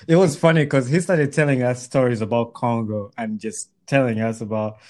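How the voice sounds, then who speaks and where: A man with an average-pitched voice speaks in a casual, heartfelt conversation. He sounds earnest, often repeating a phrase as he works toward his point. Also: fairly even intonation, normal speed, darkish tone. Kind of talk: casual heartfelt chat between friends.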